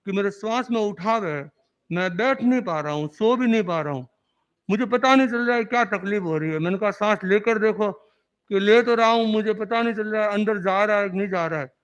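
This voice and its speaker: A man's voice: high-pitched, a little fast, lo-fi sound. A man, a monk, giving an earnest, reverent memorial speech that recounts remembered conversations. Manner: earnest storytelling, acting out remembered dialogue; reverent, devotional. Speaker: Jain monk.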